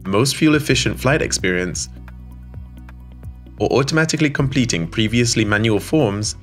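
A man reading a scripted product voice-over in a smooth, even, polished way, recorded in a studio. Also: mid-range voice, moderate pace. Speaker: voice-over narrator. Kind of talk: scripted corporate narration. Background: soft background music.

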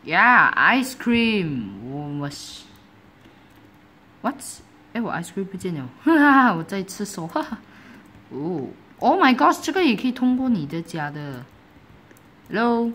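A woman chats her way through a game. She talks slowly, with a lively, bouncing pitch, and keeps giggling and gasping in delight. A faint hiss sits under the recording. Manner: giggly, excitable, mixes in English exclamations. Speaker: gaming YouTuber. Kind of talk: casual game commentary.

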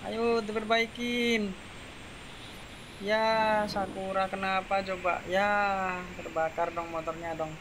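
Brief: male gaming YouTuber, high voice, keeps exclaiming over loud game effects. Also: slow pace, background noise. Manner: excitable, exclaiming and repeating himself. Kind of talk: excited gameplay commentary.

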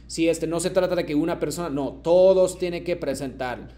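A man's voice: fairly high pitch, mellow. Patient man teaching a class. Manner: patient, slow careful modeling of phrases for repetition. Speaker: Japanese teacher. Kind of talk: online language lesson.

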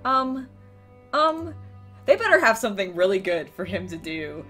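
A woman's voice: mid-range voice, very animated, normal speed, pushed and bright. A woman plays a visual novel and reads it aloud with drama. She comments on it casually and giggles as she goes, over background game music. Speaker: let's player reading a visual novel aloud. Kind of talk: casual playthrough with dramatic narration.

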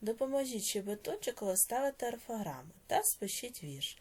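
A woman teaching a primary school language lesson, dictating words slowly and then explaining quickly, often dropping to a whisper at phrase ends. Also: on the high side, very animated, a little mellow, slightly rough. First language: Ukrainian.

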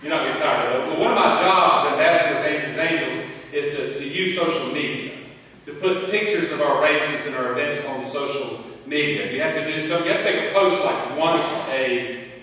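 A man's voice: on the high side, fairly quick, pushed and bright. A man, a pastor preaching a sermon, telling a story with casual asides to the congregation. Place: church sanctuary. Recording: echoey church hall from far off.

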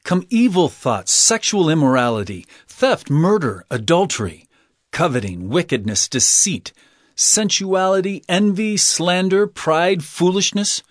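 An actor playing Jesus as an earnest, authoritative teacher, declaiming in a dramatized Bible reading. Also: male voice, high voice, lively intonation, unhurried, no echo, studio quality. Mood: stern teaching.

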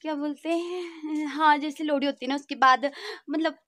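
A woman's voice: sits high, steady tone, normal speed, a bit bright, no echo. A young woman with a Himachali accent, chatting in a rambling, self-correcting way as she films a casual home vlog on her phone. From Himachal Pradesh, India. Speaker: family vlogger.

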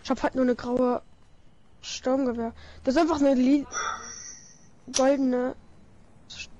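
A woman's voice: high voice, fairly even intonation, unhurried, no echo, lo-fi sound. A woman streaming a shooter game with a friend, chatting casually and calling out enemies. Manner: chatty, hushes her dog between callouts. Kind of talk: casual gaming chat.

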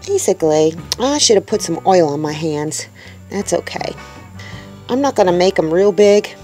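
A homestead vlogger cooks in a small tiny-house kitchen, walking viewers through each step in a chatty, upbeat way as if talking to friends. Her voice is on the low side, expressive and a little mellow, at a moderate pace, with faint music in the background.

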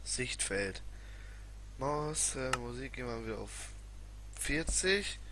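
A man's voice: medium pitch, expressive, takes it slowly. A man giving casual gameplay commentary as a let's player, muttering and grumbling in colloquial exclamations. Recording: clearly noisy home recording with clicks.

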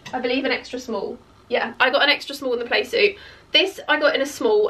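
A woman's voice: on the high side, bright, forceful tone, distant mic. A young woman chatting casually through a clothing try-on haul, gushing and repeating words for emphasis. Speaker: fashion vlogger.

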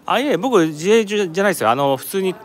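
A man's voice: sits high, sing-song, fast, slight background noise. A man from Japan chatting casually on a live stream while walking around an outdoor tourist site, rambling and answering viewer comments. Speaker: live streamer, office worker in Korea.

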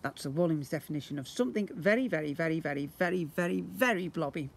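A man in his fifties acts out the sound words as he reads an animated story to young children. His voice runs on the high side, fast and creaky. It was recorded outside near brick houses on a phone or camera held at arm's length.

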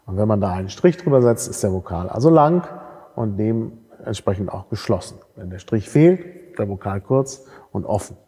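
A man lectures in a large hall, and his voice carries a long reverb. He sounds dark and slightly husky as he explains each point patiently, with tag questions and fillers along the way. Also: lowish voice, lively intonation, moderate pace. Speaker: university lecturer. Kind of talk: university lecture.

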